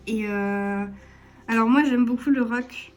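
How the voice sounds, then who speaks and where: Young woman rambling to her camera at a table at home, giggles a lot, soft music under her voice. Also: a little high, slow. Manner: chatty, giggly, self-deprecating. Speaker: vlogger. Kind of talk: casual chat to camera. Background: soft background music.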